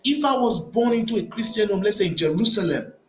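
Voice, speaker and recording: A vlogger with a high-pitched voice gives opinionated commentary to the camera, speaking emphatically at a quick pace with lively intonation. He repeats phrases as he builds his arguments. The room is echoey, with faint ambient noise.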